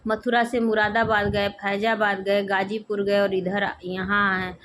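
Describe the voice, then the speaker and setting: A fearful, guilt-ridden servant man from a stage play, as a woman reads him aloud. His lines come in halting, repeated phrases. The voice stays her own, mid-pitched and plain. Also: little pitch movement, fairly bright tone, slight background noise, natural voice.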